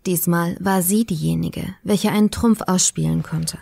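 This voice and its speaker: A woman narrating a horror audiobook in a measured, ominous manner. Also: lowish voice, steady tone, gravelly, darkish tone, husky. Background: faint eerie music.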